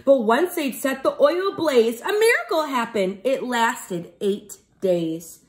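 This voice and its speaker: Her voice on the high side and her pace slow, a female teacher reads expressively to young kids and keeps her explanations easy to follow.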